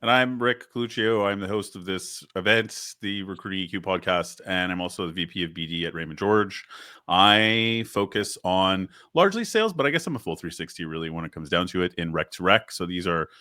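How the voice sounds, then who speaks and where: Man, panel host, deep voice, bright forceful tone, jokey and self-deprecating. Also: fairly quick, no room sound, studio quality. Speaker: podcast host and panel moderator. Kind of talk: casual panel discussion.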